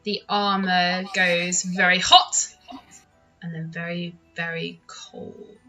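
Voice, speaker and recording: A woman's voice: lowish voice, level tone, slow pace, pushed and bright, faint music behind. A woman acting as game master, narrating a tabletop role-playing game in a casual, playful, informal way.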